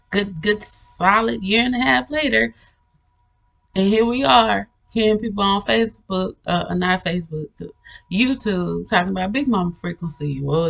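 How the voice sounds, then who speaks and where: Slow-talking woman recounting a spiritual vision. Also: medium pitch, vocal fry, a bit bright. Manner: rambling with many restarts, laughing often; earnest, storytelling. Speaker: spiritual channel host. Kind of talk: casual spiritual talk about a vision.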